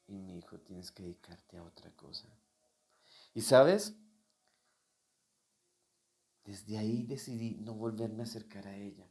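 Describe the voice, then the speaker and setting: A man preaching a sermon, telling his own story straight to the listener, dropping to a hush and then rising to loud, emphatic peaks. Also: lowish voice. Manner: personal testimony addressed directly to the listener.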